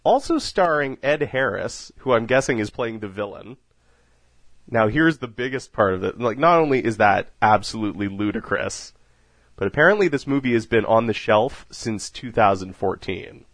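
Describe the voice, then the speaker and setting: A man hosts a casual movie podcast in a lively, animated voice that swings widely in pitch. He jokes and laughs often between points. The sound is dry and close. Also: normal speed, no room sound. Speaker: podcast host. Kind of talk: casual film podcast chat.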